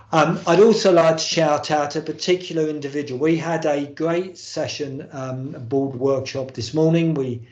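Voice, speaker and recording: A man's voice: medium pitch, a little mellow. A man chairing a formal board meeting on a video call, speaking with frequent hesitant ums. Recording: muffled, roomy video call audio.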